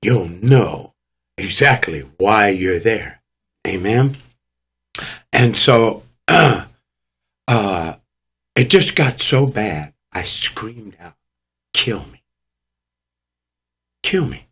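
A man's voice: on the low side, expressive, drawn-out words, pauses often, fairly bright tone, breathy edge. A man, a guest preacher, telling his testimony in an emphatic, dramatic preaching manner. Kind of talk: testimony storytelling.

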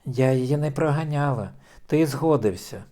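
A man's voice: medium pitch, lively intonation, normal speed, dark tone, pitched above the performer's own voice, natural voice. A man voicing a distressed middle-aged noblewoman, pleading and tearful, in an audiobook reading.

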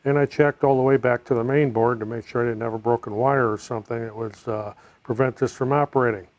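A middle-aged American man narrating a hands-on repair casually, in a low-key way, as if muttering to himself while he works. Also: steady tone, fast, darkish tone, muffled recording. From United States. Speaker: DIY repair video host. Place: home room, indoors.

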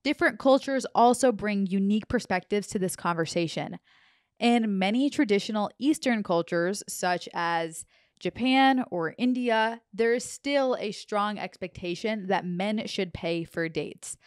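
Smooth-voiced young woman podcast host. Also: medium pitch, unhurried, dry recording, studio quality. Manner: chatty, playful asides. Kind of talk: scripted explainer with asides. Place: small home studio, indoors. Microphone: handheld dynamic mic, headphones.

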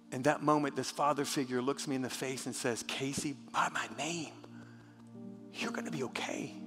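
A man preaches from the pulpit with fervor, his voice pitched high and bright. He stumbles over repeated words as he pushes on, then sinks to a near whisper. The sound carries a long church-hall reverb with faint music beneath. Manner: passionate, repeats words when moved, drops to a hush for the story. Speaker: pastor. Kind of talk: sermon. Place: church sanctuary.

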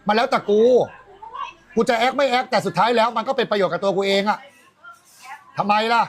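A man's voice: high-pitched, fast talker, a bit bright. A man on a livestream, ranting in a coarse, taunting and mocking way. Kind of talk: angry livestream rant.

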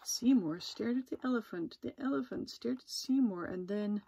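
A woman reading a children's picture book aloud as a teacher's circle-time video, pausing for little asides to her viewers. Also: a little high, gravelly, slightly rough. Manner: gentle, lively, with asides to viewers. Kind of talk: storybook read-aloud for children.

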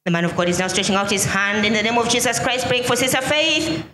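A high, bright woman gives live commentary at a church service. She reads a medical report aloud and proclaims to the congregation. Her voice rings through an echoey hall with music in the background. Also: steady tone, fast, slight background noise. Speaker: ministry commentator. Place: large hall with crowd and music.

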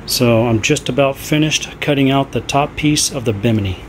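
A sailing channel host, a middle-aged man, chats plainly and frankly about his troubles while cutting and sewing canvas indoors in his kitchen and living room. He explains each step in a casual how-to narration as he works. His voice is medium-pitched at a moderate pace, with slight background noise.

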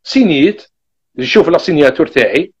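Algerian guy rattling off his story super fast, voice jumping all over. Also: a little high, highs cut off, noisy background. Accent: Algerian Arabic. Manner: animated, rapid retelling with quoted back-and-forth. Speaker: vlogger telling his migration story. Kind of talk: casual storytelling.

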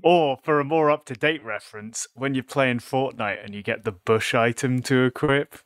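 A man's voice: medium pitch, normal speed, a bit bright, no echo. Wry man, dry close sound. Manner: wry, playful. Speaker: podcast co-host. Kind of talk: casual banter among friends.

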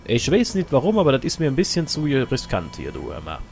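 A man's voice: on the high side, big pitch swings, a little fast, a little mellow, faint music behind. Chatty German man narrating his gameplay. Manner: chatty, joking, talks to himself and his companion. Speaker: let's play gamer. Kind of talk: casual gameplay commentary.

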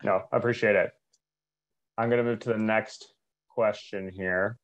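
A man's voice: fairly low pitch, steady tone, highs cut off. A man moderating a webinar Q&A, reading out audience questions in a polite, reassuring way. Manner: polite, reassuring, slightly rushed.

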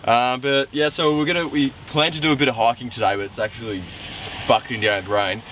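A man's voice: medium pitch, fairly even intonation, quick pace, fairly bright tone. A young man from Tasmania talking casually to his camera at arm's length while hiking outdoors, enthusiastic and rambling with ums. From Tasmania, Australia. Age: young adult. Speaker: vlogger. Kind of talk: casual vlog narration. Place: outdoors on a wet, windy mountain. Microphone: handheld camera held at arm's length. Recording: outdoor vlog with noticeable background noise.

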